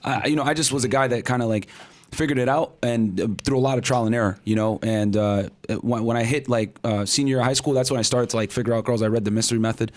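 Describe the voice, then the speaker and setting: A man in his thirties with a medium-pitched voice tells his story as a guest on a podcast. He talks fast and casually, full of fillers, acting out the quotes.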